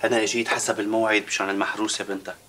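An actor plays an arrogant rich suitor with a Levantine Arabic accent, smug behind his politeness. His voice is lowish and he speaks very fast. Music sits under the voice. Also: level tone, close to an everyday voice.

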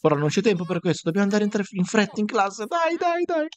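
A man's voice: high voice, very animated, quick pace, no echo, pitched above the performer's own voice. A man voicing an eager young student from a game who hurries friends to class in a raised, urgent tone.

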